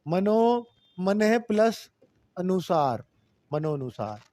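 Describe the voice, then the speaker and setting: A man's voice: high-pitched, very animated, extremely slow, warm tone, no echo. A man teaching Hindi grammar in a live online class, patiently repeating rules and addressing students as children.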